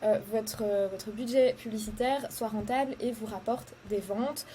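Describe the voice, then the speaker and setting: A woman's voice: mid-range voice, moderate pace, dark tone, a little hiss or hum. A young woman from Belgium explaining ad metrics in a casual tutorial, hesitant and full of fillers, going step by step. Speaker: social media ads coach. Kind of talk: casual tutorial talk to camera.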